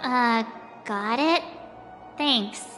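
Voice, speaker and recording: A woman's voice: fairly high pitch, drawn-out words. A woman voicing a perky, chatty and slightly sheepish young woman traveller in a video game. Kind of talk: English video game voice acting. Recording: long reverb, music behind.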